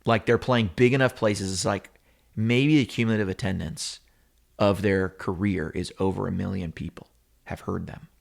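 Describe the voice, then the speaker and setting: A man's voice: sits low, normal speed, vocal fry. A man in his thirties hosting a guitar gear channel, rambling and opinionated in a casual monologue full of fillers and restarts. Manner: animated, opinionated, with frequent fillers and self-corrections. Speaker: guitar gear video host.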